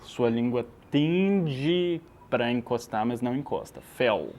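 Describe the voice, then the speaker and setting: A man's voice: medium pitch, takes it slowly, dark tone, rough recording. A man teaching an English lesson, explaining patiently and checking that his student follows.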